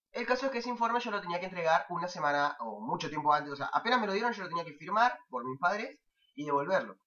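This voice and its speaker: A man's voice: high-pitched, expressive, fast, bright, forceful tone. A young man with an Argentine accent telling a casual anecdote in a profane, exasperated rant. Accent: Argentine Spanish. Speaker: vlogger. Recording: dull lo-fi, distant mic.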